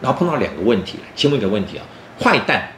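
A man with a Taiwanese Mandarin accent talks very quickly and animatedly to young children, playfully teaching through questions. He hosts a book talk in a roomy, echoing space with a little background noise. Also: lowish voice, very animated, fairly bright tone. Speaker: children's story show host.

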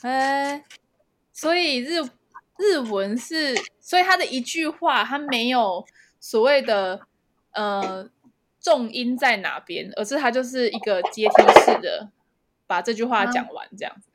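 Female co-host with a Taiwanese Mandarin accent, slightly high voice, giggly and curious in casual chat. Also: measured pace, a little hiss or hum. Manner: giggly, asks eager follow-up questions. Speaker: podcast co-host.

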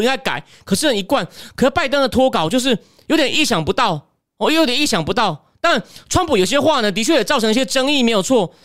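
Fast, high-voiced male political commentator. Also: a bit bright, dry recording, studio quality. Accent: Taiwanese Mandarin. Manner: opinionated, rhetorical questions to the viewer.

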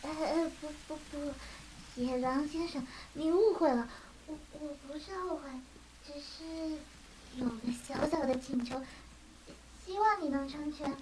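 A woman's voice: high voice, a little slow, darkish tone, a little hiss or hum, rough recording. A woman voicing a small, timid but clever lamb in a children's story, stammering and pleading. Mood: nervous.

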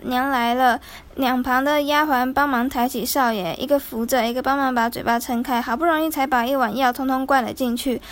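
High-voiced woman reading a folk tale. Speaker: storyteller. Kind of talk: storybook narration.

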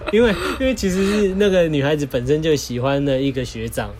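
A man's voice: high-pitched, noisy background. A man co-hosting a podcast, telling stories in a joking, boastful way. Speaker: podcast co-host. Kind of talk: casual chat.

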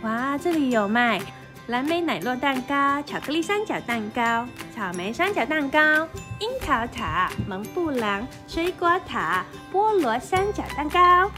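A woman's voice: high voice, big pitch swings, unhurried. A woman reading a picture book aloud to a toddler, addressing little listeners directly. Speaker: storybook reader. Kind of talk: picture book read aloud to young children. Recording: music behind the voice. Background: music.

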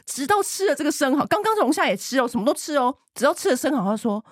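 A woman tells a travel story on a podcast, her voice a little high and swinging widely in pitch. She gushes as she talks. The sound is dry and close. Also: fast, no echo. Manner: animated, gushing storyteller. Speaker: podcast co-host. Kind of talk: casual chat, travel storytelling.

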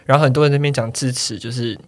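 A man's voice: medium pitch, very fast. A man, co-hosting a casual chat and telling stories animatedly. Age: 30s. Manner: animated storytelling, acts out quoted people. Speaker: podcast co-host.

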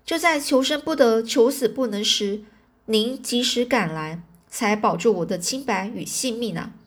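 A woman's voice: a little high, moderate pace, husky. A woman reading a storybook, voicing a young female palace beauty who pleads tearfully. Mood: pleading.

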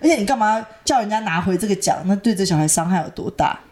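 A woman's voice: mid-range voice, animated, quick pace, darkish tone. A young woman with a Taiwanese Mandarin accent co-hosting a podcast, chatting casually and explaining things in an informal, conversational way. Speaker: podcast co-host. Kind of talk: casual chat.

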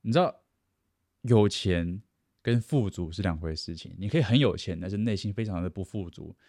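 A man's voice: sits low, normal speed, darkish tone, no echo, studio quality. A man giving casual advice, chatty, acting out boastful people and laughing at himself. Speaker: self-help speaker.

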